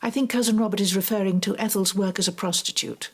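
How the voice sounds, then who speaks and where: A woman's voice: mid-range voice, fairly even intonation, husky. An actress playing an earnest, principled lady of the house in a period drama. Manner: earnest, brisk.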